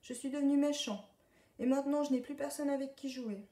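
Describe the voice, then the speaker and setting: A woman's voice: on the high side, moderate pace, mellow, pitched above the performer's own voice, lightly acted. A woman reading a storybook aloud, voicing a naughty little male duckling in a sulky, cheeky way. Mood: sad. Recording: echoey room, distant mic.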